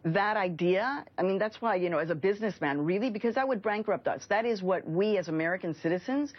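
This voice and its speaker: A woman journalist from Mexico, raised in Chicago, speaking as a panel guest. Her voice sits at a middle pitch and her delivery is earnest and impassioned. The broadcast sound is a bit dull. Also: expressive, fairly quick. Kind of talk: cable news panel discussion.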